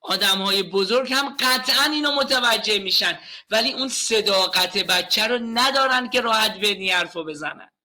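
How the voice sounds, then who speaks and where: Bright-voiced, playful male instructor. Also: high-pitched, few pauses. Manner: animated, playful, addresses the class directly. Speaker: communication skills instructor. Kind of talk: live webinar lecture.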